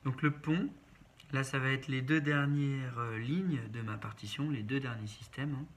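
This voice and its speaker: In a mid-range voice with fairly even intonation and normal speed, a man walks through a piano tutorial step by step, naming notes one by one in short phrases. A keyboard piano plays over his voice, and there's slight background noise.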